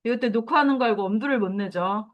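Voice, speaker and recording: A woman teacher giving a lively, chatty lecture to middle schoolers, talking straight to the class and drawing out key words slowly. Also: a little high, lo-fi sound. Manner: lively, chatty, addresses students directly.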